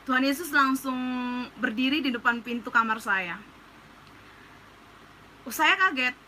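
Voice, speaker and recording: A woman pastor tells her testimony in a chatty way full of fillers, then urges her listeners earnestly. Her voice sits high and sounds very bright and forceful. Faint room ambience sits behind her. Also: lively intonation, unhurried, slight background noise, low-quality recording. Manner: earnest, urgent exhortation. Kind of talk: sermon testimony.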